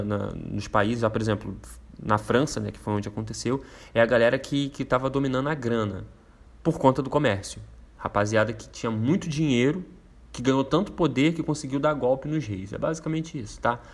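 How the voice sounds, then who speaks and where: A man with a Brazilian Portuguese accent hosting a casual explainer, laid-back and slangy, rambling with fillers. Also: medium pitch. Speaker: host explaining a topic.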